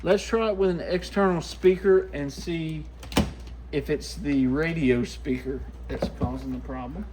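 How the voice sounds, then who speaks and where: A man with a slightly high voice speaks at a measured pace over background noise. He runs a radio repair vlog and mutters casual, folksy commentary to himself while working at the bench in his small indoor shop.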